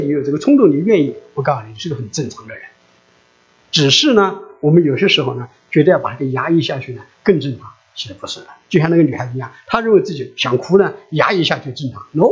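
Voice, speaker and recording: Earnest pleading male preacher, lo-fi. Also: fairly high pitch. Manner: earnest, pleading, repeats his appeals. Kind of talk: sermon with altar call and prayer. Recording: dull lo-fi recording.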